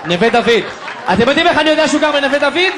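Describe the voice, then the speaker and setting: Comedian for stand-up crowd work: man, very high voice, teasing and bossy, over a loud live audience. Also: animated. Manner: teasing, bossy director banter. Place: stage before a live audience. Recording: live show with audience noise.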